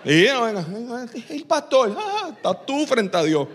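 A man preaching a lively, joking sermon in church, teasing his congregation with quick asides. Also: very high-pitched. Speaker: pastor.

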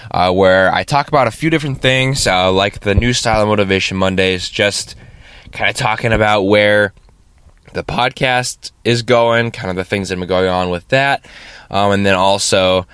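A man's voice: on the low side, moderate pace, a bit bright, clean tone, no echo. A man hosting his own podcast in a casual, rambling way, his voice stuffy and nasal from a cold and often tagged with "right?". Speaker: podcast host. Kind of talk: casual solo podcast talk. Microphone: studio podcast microphone.

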